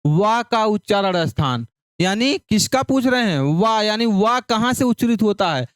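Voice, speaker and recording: Male Hindi teacher, very high voice, smooth and dry; drills syllables call-and-response. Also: lively intonation, moderate pace, no room sound. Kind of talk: exam-prep phonetics lesson.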